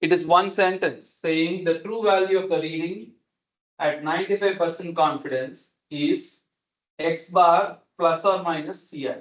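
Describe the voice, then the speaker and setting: Male instructor over a video call, slightly high voice, muffled lo-fi audio, patient step-by-step explainer. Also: unhurried. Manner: patient, explains step by step, often checks in with students. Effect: heard over a video call. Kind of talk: classroom lecture.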